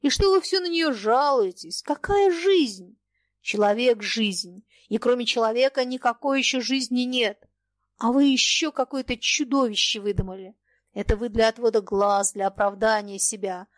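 An agitated young merchant, blunt and reproachful, as a woman reader puts him on, speaking in a slightly lowered register. The recording is dry and close, like a storybook reading. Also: normal speed, no room sound, natural voice. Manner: reproachful, plain-spoken. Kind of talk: audiobook dialogue.

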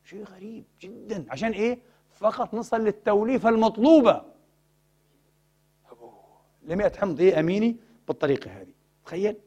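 A man's voice: high-pitched, lively intonation, fast, pauses often, a little mellow, slightly rough. A man giving a religious science lecture, asking rhetorical questions and prompting the audience to fill in words.

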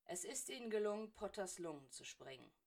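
A woman's voice: mid-range voice, sing-song, fairly quick, creaky, a little mellow. A woman reader voicing a cold, scornful male teacher who speaks with cutting sarcasm. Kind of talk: fan fiction audiobook reading.

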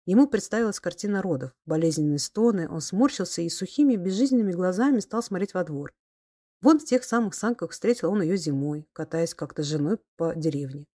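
A woman reading a classic story aloud as audiobook narrator, even and measured. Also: fairly low pitch, dry recording, studio quality. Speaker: audiobook reader. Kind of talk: scripted literary narration.

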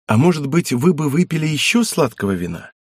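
Teen country girl, frank and playful, husky lift, read by a man. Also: fairly high pitch, very animated, a little fast, no echo, studio quality. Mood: earnest. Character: shy lively teenage peasant girl.

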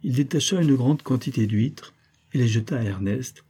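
A man reading a classic adventure novel aloud as first-person narrator, steady storytelling. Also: mid-range voice, moderate pace, slightly rough. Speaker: audiobook narrator.

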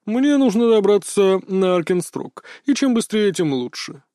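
A man's voice: high voice, sing-song, unhurried, dark tone, dry recording, clean studio sound, voice pushed up. A man voicing a huge, haughty talking ginger cat in an audiobook, sulky and bargaining. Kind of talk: audiobook character voice.

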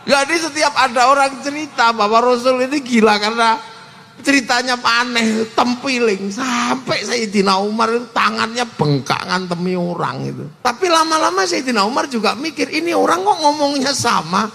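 A preacher telling a humorous story in a sermon, playfully acting out the dialogue. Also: male voice, extremely high pitch, normal speed, vocal fry, bright, forceful tone, long reverb tail, a little hiss or hum. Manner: playful, acts out dialogue in changing voices.

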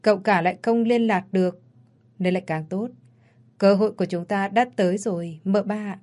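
A woman voicing a sly nursemaid servant who reports a plot in a hushed voice. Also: medium pitch, fairly even intonation, normal speed, close to an everyday voice. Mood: conspiratorial. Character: sly older female nursemaid, conspiring servant.

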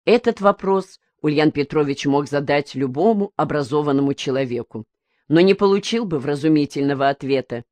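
A woman audiobook reader narrating a novel in an even, measured storytelling manner. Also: sits low, no echo.

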